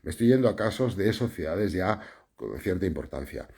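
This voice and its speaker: Spanish guy teaching journalism on a live stream, deep husky voice, chatty, keeps tacking on "right?". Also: expressive, moderate pace, a little mellow. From Spain. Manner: conversational, explanatory, many fillers and tag questions.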